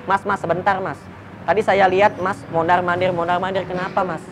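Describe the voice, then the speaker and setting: A man quoting a kind older woman who speaks gently and coaxingly. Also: high-pitched, level tone, brisk, noisy background, pitched below the performer's own voice, natural voice.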